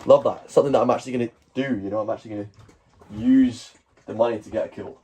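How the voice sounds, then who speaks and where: A man's voice: mid-range voice, fairly even intonation, quick pace, dark tone, a little hiss or hum. A Scottish man chatting casually on a livestream, rambling along with jokey mock-boasting. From Scotland. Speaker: live streamer. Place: at home, moving between outdoors and indoors.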